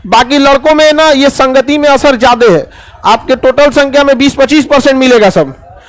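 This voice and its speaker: A man's voice: very high-pitched, moderate pace. A man teaching chemistry to a class, joking and acting out little scenes as he lectures.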